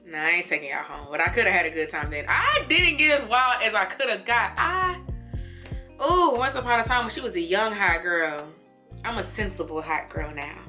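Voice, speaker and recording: A young woman chatting casually through a clothing try-on haul and storytime, animated and laughing as she talks. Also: mid-range voice, normal speed, soft background music. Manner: chatty and animated, laughing and doing little quoted voices. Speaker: vlogger.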